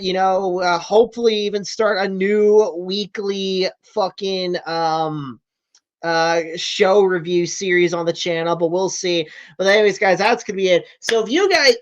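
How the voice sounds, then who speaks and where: A man hosting a casual online podcast, wrapping up with loose, profane, rambling plugs. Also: sits high. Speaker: podcast host. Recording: dull lo-fi audio.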